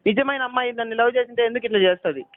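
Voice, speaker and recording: A man's voice: very high voice, racing, no echo. A young man, arguing heatedly on a phone call, pleading, accusing and asking the same questions again and again. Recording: tinny phone call recording.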